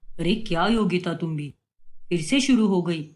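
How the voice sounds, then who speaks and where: A woman voicing a calm, gentle middle-aged father who soothes the family in an animated story. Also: on the low side, normal speed, voice pushed down, close to an everyday voice. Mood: soothing. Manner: soothing, mild.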